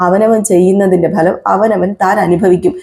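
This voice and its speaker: A woman's voice: medium pitch, steady tone, normal speed, gravelly, dark tone, lightly acted. Woman doing a scoffing spiteful young woman. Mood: scornful. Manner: scornful, scoffing sniffs.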